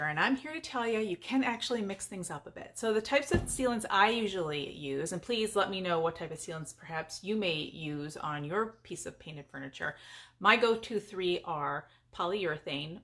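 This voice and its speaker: A woman's voice: on the low side, expressive, moderate pace, bright, forceful tone. A middle-aged woman from California, chatting upbeat and casually to her viewers during a live-stream demonstration in her home garage. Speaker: furniture painter and paint business owner.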